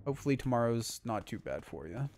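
A man's voice: mid-range voice, sing-song, fast, a little mellow, a little hiss or hum. A young man casually chatting with his viewers as he streams a game, rambling along with lots of filler words. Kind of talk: casual live-stream chat while playing.

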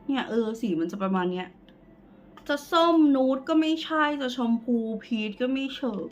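A woman's voice: fairly high pitch, animated, normal speed, lo-fi sound, faint music behind. A woman doing a casual makeup review vlog, chatting to viewers like friends in a slangy way. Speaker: beauty vlogger.

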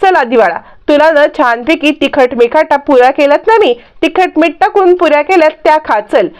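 A woman voicing a calm, caring older mother-in-law who reasons gently in a story retelling. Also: high voice, brisk, lightly acted.

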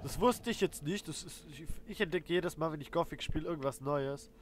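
Casual male gamer over loud noise. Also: on the high side, a little fast. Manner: colloquial, thinking aloud. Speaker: let's play host. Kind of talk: casual gameplay commentary. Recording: loud game noise behind voice. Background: video game sounds.

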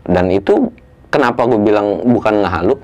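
A young man telling a story casually, in coarse slang, jumping to a loud raised voice when he acts out what was said. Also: fairly low pitch, animated, moderate pace. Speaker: storyteller guest.

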